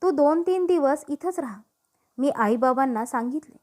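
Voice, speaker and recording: A woman voicing a gentle grave elder sister. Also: high voice, expressive, normal speed.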